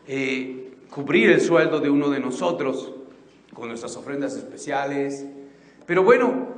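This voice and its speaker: A middle-aged man preaching a sermon, slow and emphatic, swinging between soft and loud passages. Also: on the high side. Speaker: pastor. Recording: echoey reverberant church hall.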